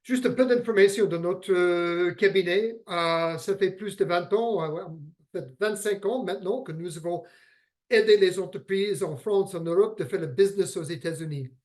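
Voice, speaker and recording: American guy presenting in french on a video call, higher voice, lots of euhs. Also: darkish tone. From United States. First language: English. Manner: halting, many fillers and restarts. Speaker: guest speaker. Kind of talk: online business presentation.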